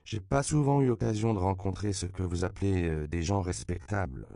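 A man's voice: sits low, brisk, vocal fry, dark tone, smooth, no room sound. A blunt, worldly woman in a storybook speaks frankly and earnestly, as a male narrator lifts his voice to play her. She sounds raised and direct.

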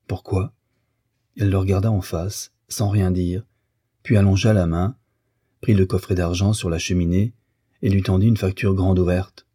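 Deep, husky-voiced male narrator. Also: steady tone, normal speed, dark tone, no room sound, clean studio sound. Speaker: audiobook narrator. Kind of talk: scripted literary narration.

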